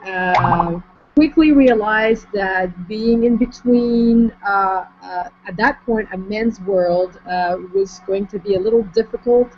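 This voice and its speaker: A French-accented woman talks through her story as an interview guest, measured and careful with her words. Her voice sits at a middling pitch. The sound is dull and lo-fi, with a faint hiss underneath. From France. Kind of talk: online interview conversation. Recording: muffled lo-fi audio with faint noise.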